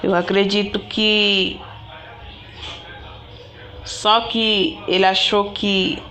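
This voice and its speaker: A vlogger with a medium-pitched, level, sharp-toned voice draws out her words as she casually tells viewers her own story. She rambles and repeats herself, often restarting and speaking to them directly.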